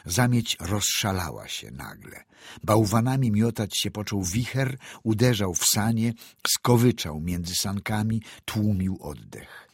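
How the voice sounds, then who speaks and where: Slow, low male audiobook narrator. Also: big pitch swings, gravelly, husky, dry recording, studio quality. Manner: measured, descriptive storytelling. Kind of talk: scripted narration of classic prose.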